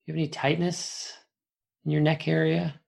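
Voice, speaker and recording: A man slowly guiding a relaxation meditation, giving soothing instructions with long pauses. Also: on the high side, flat delivery, vocal fry, a little mellow. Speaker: meditation guide.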